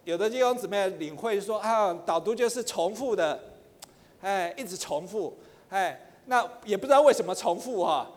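A middle-aged man teaching in church, chatty with many fillers, slowing into chanted prayer. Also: high voice, animated. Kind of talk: sermon teaching. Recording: long hall reverb.

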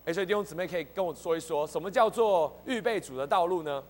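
A man's voice: fairly high pitch, quick pace, big-room sound. A man leading a church Bible study, earnestly repeating key points and calling the group to read along.

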